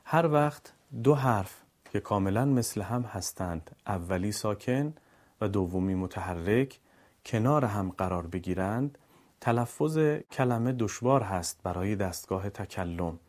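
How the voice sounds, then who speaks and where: A man with an Iranian Persian accent teaching Quran recitation. He explains calmly, then drills syllables and words slowly, loudly and drawn out. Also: lowish voice. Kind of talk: scripted lesson with slow drilled recitation.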